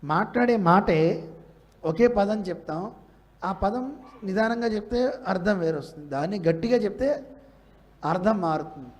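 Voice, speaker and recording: Male preacher, high voice, Telugu accent, quizzes listeners, acts out quotes, spiritual discourse. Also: animated, normal speed, pauses often. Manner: questions the audience, acts out quoted lines. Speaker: religious teacher. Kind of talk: Bhagavata discourse to a live audience.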